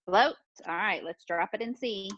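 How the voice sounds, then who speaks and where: A pre-kindergarten teacher leads a lesson for young children, asking questions encouragingly and often echoing their answers. Her voice is medium in pitch and moves at a normal speed. The dry recording sounds dull and muffled, with very little room sound.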